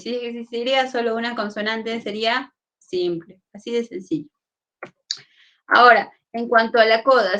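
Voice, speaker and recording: A woman's voice: mid-range voice, fairly bright tone. A woman teacher, giving a classroom lesson and often asking her students whether they follow. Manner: asks frequent checking questions.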